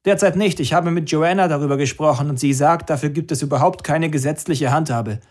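A man's voice: a little high, a little fast, a little mellow, pitched above the performer's own voice, natural voice. A man voicing a scheming, greedy male music businessman on the phone, pushy and smug, in an audiobook. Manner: pushy, smug, talks over objections. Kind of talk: audiobook character voice.

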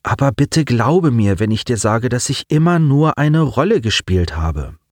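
A man voicing a calm, clever, self-assured teenage girl in an audiobook, raising his voice for her. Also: mid-range voice, measured pace, no room sound, studio quality. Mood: earnest.

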